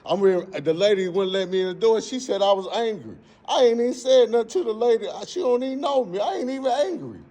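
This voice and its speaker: A man's voice: high-pitched, lively intonation, fast talker, hardly any pauses, warm tone. A man who is a parent at a school entrance, recording on his own phone and insisting again and again in casual slang. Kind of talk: heated confrontation, self-recorded.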